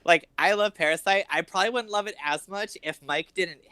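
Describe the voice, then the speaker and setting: A man's voice: sits high, fairly quick, bright, forceful tone, smooth, dry recording. A man in a casual band chat, eager and emphatic, a guest musician.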